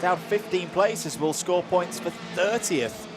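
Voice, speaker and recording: A man's voice: high-pitched, slow pace, music in the background. A man giving live motorsport commentary from a trackside box, conversational and closely following the action. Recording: clear background track and engine noise. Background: outdoor race track ambience with vehicles.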